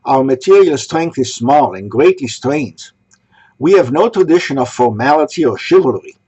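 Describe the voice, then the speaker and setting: Husky man delivering a measured sermon. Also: medium pitch, animated, dark tone. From Egypt. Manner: measured, rhetorical questioning. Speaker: synagogue speaker. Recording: dull lo-fi recording.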